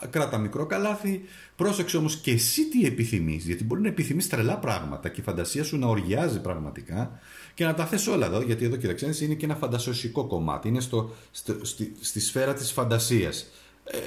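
A man's voice: medium pitch, very animated, a little mellow. A man giving a tarot reading to camera, addressing the viewer directly with advice. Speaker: tarot reader and astrologer. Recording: echoey room.

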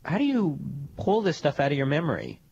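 A man's voice: on the high side, huge pitch swings, a little fast, creaky, a little mellow, husky. Dry, skeptical man hosting a radio show. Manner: dry, skeptical, probing questions. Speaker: radio host. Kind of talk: comedic phone interview. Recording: dull radio recording with faint noise.

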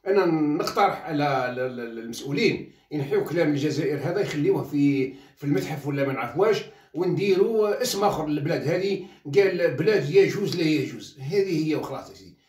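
Fast-ranting Algerian man, echoey room. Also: on the high side, animated, a little mellow. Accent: Algerian Arabic. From Algeria, Khenchela. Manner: heated, mixes French phrases into Arabic. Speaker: journalist. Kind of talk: ranting commentary. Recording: roomy echo, mic set at a distance.

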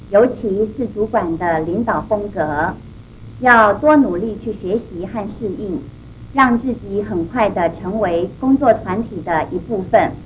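A woman's voice: mid-range voice, low-quality recording. A woman in her thirties with a Taiwanese Mandarin accent gives a formal, polished scripted instructional address as an etiquette expert. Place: furnished indoor set at a desk. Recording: dated videotape, faint background noise.

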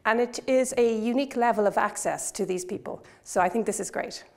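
A woman, speaking in a measured, reflective way in a testimonial interview recorded in a classroom. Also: a little high, gravelly, darkish tone. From Ireland. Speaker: course participant. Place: classroom by a window.

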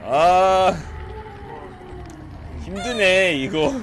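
A man narrates his horror game run in a high, lively voice. He talks unhurriedly, bursts out excitedly and laughs at the game. A loud hum of noise sits under the recording. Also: drawn-out words. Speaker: game streamer. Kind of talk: casual gameplay commentary.

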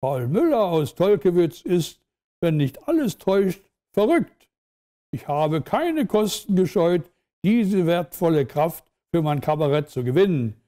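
A man's voice: high-pitched, big pitch swings, measured pace, mellow. A man reading the lines of a brash young male cabaret compere who announces acts with mocking showmanship.

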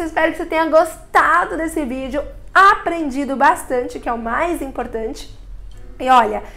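A woman's voice: high voice, fairly bright tone. A woman from Brazil giving a chatty English pronunciation lesson, sounding out vowels as she explains. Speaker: English teacher. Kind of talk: casual video lesson.

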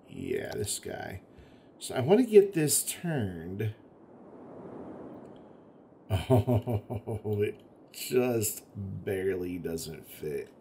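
A man's fairly low, gravelly, darkish voice carries over a little hiss or hum. He's a gaming video host with the hiccups, chatting casually while he plays a city-building game, thinking out loud and grumbling at it now and then.

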